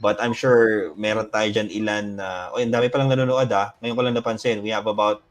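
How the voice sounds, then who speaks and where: A man's voice: fairly low pitch, fairly even intonation, a little fast. A man with a Filipino accent hosting a casual online interview, chatty and mixing English with Filipino. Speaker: host.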